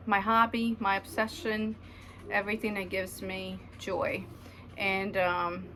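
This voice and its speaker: Speaking to the camera from her home, a woman in her thirties from Ukraine rambles about her knitting, filling gaps with ums. Her voice sits at medium pitch with a fairly bright tone, over a little hiss or hum.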